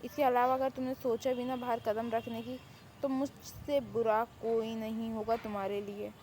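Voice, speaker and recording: A woman's voice: flat delivery, normal speed, a little mellow, slight background noise, natural voice. Woman voicing a smug possessive vampire king. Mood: menacing. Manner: teasing, calls her baby, low threats. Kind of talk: Hindi fan-fiction audio story.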